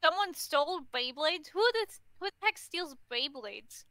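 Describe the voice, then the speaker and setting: A woman's voice: sits high, animated, measured pace, sharp tone, no echo. A woman co-hosting an art live stream, chatting casually and telling funny stories.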